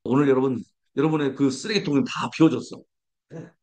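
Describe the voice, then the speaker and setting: A man's voice: medium pitch, a little fast, a little mellow. A man preaching a sermon as pastor, leading the congregation in declarations and asking rhetorical questions he answers himself. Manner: declarative, leads congregation in call-and-response.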